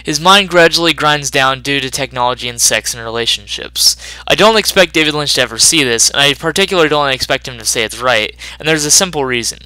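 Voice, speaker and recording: A man reading a scripted voice-over analysis of a film in a measured, explanatory way. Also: medium pitch, animated, sharp tone, clean tone, dry recording, rough recording.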